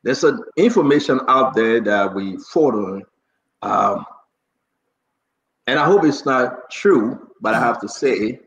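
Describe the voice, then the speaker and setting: Unhurried yet animated, a medium-pitched, slightly bright-voiced Liberian man in his 40s hosts a relaxed talk show, driving points home by repeating phrases. The room echoes and the sound comes across slightly dull.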